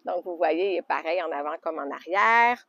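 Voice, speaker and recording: A woman with a Québécois French accent chatting casually in a knitting podcast, homey and loose, with soft laughs. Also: low-pitched, lively intonation, moderate pace, no echo, highs cut off. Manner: chatty, homey, often laughs softly and adds little fillers. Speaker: knitting podcaster and alpaca farmer. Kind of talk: casual show-and-tell chat. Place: outdoors by an alpaca pen.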